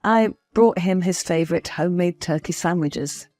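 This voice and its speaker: A woman's voice: fairly low pitch, moderate pace, mellow, dry recording, soft background music. A woman narrating a first-person story in a confiding, storytelling manner.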